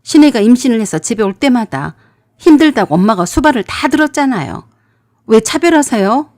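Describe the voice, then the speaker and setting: A woman's voice: medium pitch, animated, normal speed, warm tone, no echo, studio quality, natural voice. A woman voicing a young husband who firmly defends his pregnant wife to his mother. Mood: indignant. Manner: firm, pleading.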